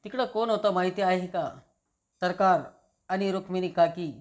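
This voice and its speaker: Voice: mid-range voice, fairly even intonation, moderate pace, lightly acted. The narrator reading the lines of an irritated father who works as a government officer, speaking curtly and bitterly. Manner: curt, bitter complaining.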